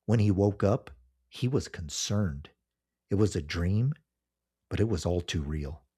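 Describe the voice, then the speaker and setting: A man narrating a scripted horror story in a measured, solemn storytelling manner. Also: low voice, expressive, mellow, breathy edge.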